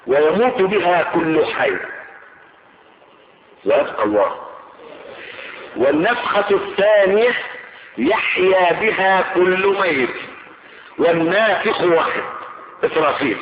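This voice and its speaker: A man preaching a Quranic exegesis sermon, measured and emphatic, repeating phrases with drawn-out stress. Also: on the high side, a little hiss or hum. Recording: echoey tinny radio broadcast.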